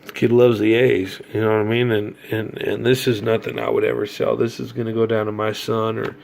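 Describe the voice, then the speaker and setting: A man's voice: on the low side, little pitch movement, brisk, gravelly, darkish tone. A middle-aged man casually telling rambling, slangy fan stories, swearing now and then. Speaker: autograph collector and fan. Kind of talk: casual storytelling vlog.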